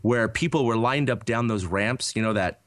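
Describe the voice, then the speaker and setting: A man's voice: on the low side, moderate pace, no room sound, studio quality. A man in his thirties co-hosting a podcast, telling a rambling story in a casual chat, full of fillers and restarts. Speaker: podcast co-host.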